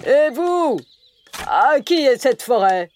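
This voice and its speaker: A man playing a grand old king in an audio storybook, calling out slowly and stately. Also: sing-song, noisy background, exaggerated voice. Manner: slow, stately, booming calls. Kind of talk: storybook character acting.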